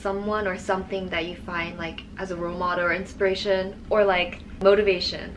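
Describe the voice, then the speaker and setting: A woman's voice: lowish voice, flat delivery, fairly quick, a little hiss or hum, low-quality recording. A woman from California hosting a chat, asking questions and using plenty of "like.". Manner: chatty, lots of "like", asks questions. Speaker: vlog host. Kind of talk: casual chat.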